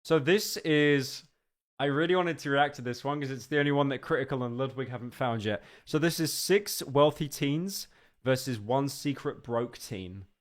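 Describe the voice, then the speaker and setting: A young man reacting on a live stream, rambling with stammered restarts and sudden excited outbursts. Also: mid-range voice, moderate pace.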